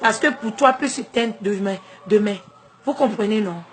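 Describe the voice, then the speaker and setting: A woman from Togo with a Togolese French accent, talking straight to her followers in an emphatic, confrontational rant that swings between shouting and soft asides. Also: mid-range voice, normal speed. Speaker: social media vlogger. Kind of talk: direct-to-camera personal rant.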